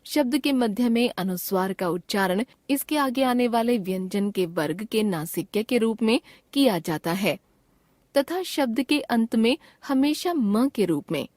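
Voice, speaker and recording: A woman teaching grammar from a textbook, each word spoken slowly and carefully, often twice over for practice. Her voice sits a little high, and the rules come out in an even, measured recital. The recording is dry and close, with no room sound around her. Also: no echo. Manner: repeats each word twice for pronunciation drill. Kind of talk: slow, careful textbook reading.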